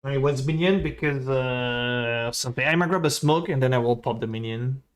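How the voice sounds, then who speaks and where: A man's voice: mid-range voice, moderate pace. A man with a French accent streaming a game, thinking aloud, muttering to himself and answering chat in a casual way.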